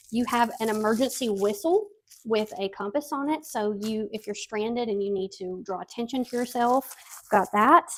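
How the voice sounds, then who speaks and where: A middle-aged woman giving a casual, friendly product review in a conversational, explanatory way. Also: a little high.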